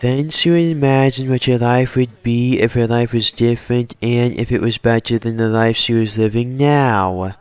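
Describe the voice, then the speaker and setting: A man's voice: mid-range voice, normal speed, hardly any pauses, a little mellow, smooth, dry recording, soft background music. Man rambling through fan story ideas. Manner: rambling run-on sentences, hypothetical "would".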